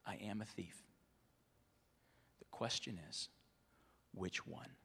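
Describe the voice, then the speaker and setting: A man preaching a sermon, moving from hushed, quiet lines to loud, emphatic ones. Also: fairly low pitch, takes it slowly, creaky, breathy edge. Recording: long reverb of a large hall.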